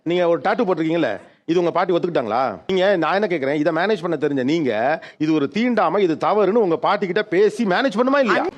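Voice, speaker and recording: A man moderates a studio debate at a brisk clip, his voice sitting fairly high. He presses guests with pointed, lecturing questions. The broadcast audio is somewhat dull and lo-fi. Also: animated. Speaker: host.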